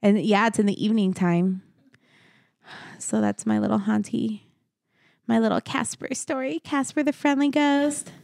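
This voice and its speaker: A woman's voice: mid-range voice, moderate pace, creaky, pauses often. A woman co-hosting a casual podcast, telling stories animatedly and acting out what others said. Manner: animated storyteller, acts out quotes. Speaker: podcast co-host.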